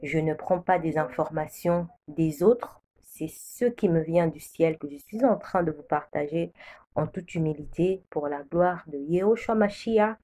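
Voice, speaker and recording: In a low, warm voice at a measured pace, a woman from the Democratic Republic of the Congo preaches a prophecy. Her testimony returns again and again to solemn declarations.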